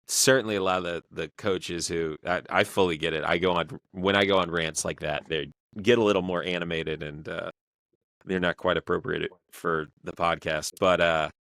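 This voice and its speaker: A man with a very low voice hosts a podcast in a casual back-and-forth. He tells long stories in a halting way, full of fillers and restarts, and the sound is close and dry. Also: a bit bright, clear, resonant tone, dry recording. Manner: halting, filler-heavy storytelling. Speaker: podcast host.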